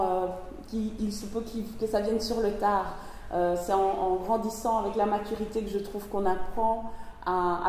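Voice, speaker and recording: A woman's voice: medium pitch, warm tone. A woman from Belgium, moderating a discussion, speaking thoughtfully and hesitantly. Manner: thoughtful, hesitant, many fillers and restarts. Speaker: moderator and reader. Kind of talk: reading aloud, then hosting a discussion. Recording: very echoey hall, faint noise.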